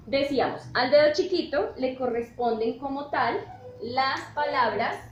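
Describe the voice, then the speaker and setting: Slow, patient woman teacher, echoey room. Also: high voice, highs cut off. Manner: checks in with "¿listo?" often, spells out letters. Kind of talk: slow classroom explanation. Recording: echoey room with faint noise.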